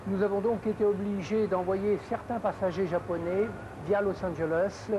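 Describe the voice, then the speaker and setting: A man's voice: high-pitched, flat delivery, normal speed. A man answering formally as an airline representative, with careful, hesitant official phrasing. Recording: dull sound, vehicle noise behind.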